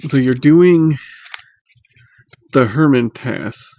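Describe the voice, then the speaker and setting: Guy doing a casual how-to on his laptop mic, kinda gravelly, stop and start, dull sound. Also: mid-range voice, darkish tone, dry recording. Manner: halting, hesitant, pausing mid-phrase. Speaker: magic tutorial host. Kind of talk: casual unscripted how-to explanation. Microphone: laptop built-in mic.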